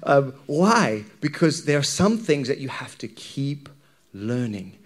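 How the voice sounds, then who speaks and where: Preaching in a conversational, questioning style, a man with a Zimbabwean accent uses anecdotes to draw in his congregation. His mid-range voice is very animated, though he speaks slowly.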